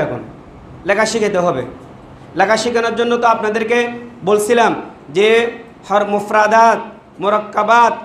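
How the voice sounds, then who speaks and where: A man with a strikingly high voice teaches a class, stretching each syllable out slowly and half singing the sounds for the students to repeat. The room is echoey, and steady noise sits behind him. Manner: slow, drawn-out syllables, sing-song recitation. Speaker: Quran teacher. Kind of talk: teaching a class, call and response.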